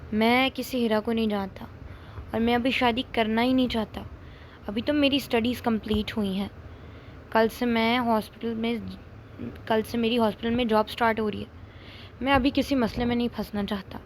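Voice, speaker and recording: A headstrong young doctor who pushes back firmly against his family, as a woman reads him out. The voice stays high and even, with little rise and fall. Faint noise runs beneath. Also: lightly acted. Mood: protesting. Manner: insistent, protesting. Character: young male doctor, earnest, headstrong son.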